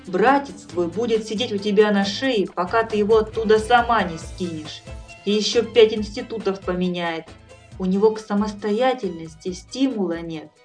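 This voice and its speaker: A cool, no-nonsense old fortune-teller woman, as a woman reading a story puts her on. She speaks in a low, firm voice and lectures plainly. The voice sits a little away from the mic over faint background music. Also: darkish tone, distant mic, natural voice. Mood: scolding. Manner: cool, matter-of-fact, firmly lecturing. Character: blunt, calm old female fortune-teller.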